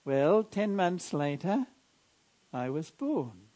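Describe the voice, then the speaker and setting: Measured older priest with a mellow voice. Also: male voice, a little high, sing-song. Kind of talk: Gospel reading and homily.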